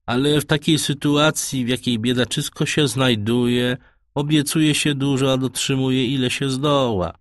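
A man's voice: mid-range voice, steady tone, moderate pace, no echo, studio quality, pitched above the performer's own voice, natural voice. A man voicing a brusque, doubting middle-aged ship's master in an audiobook. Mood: doubtful.

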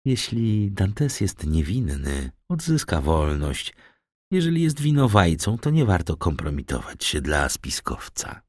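A sly male ship's agent, persuasive and calculating, put on by a man reading an audiobook. The voice sits low and moves widely in pitch. The sound is dry and close. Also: very animated, measured pace, dry recording, full character voice. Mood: menacing.

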